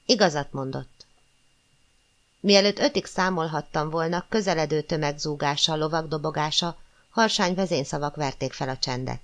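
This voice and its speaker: Low-pitched woman reading an audiobook, calm measured storytelling. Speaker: audiobook reader. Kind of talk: scripted narration of a classic novel.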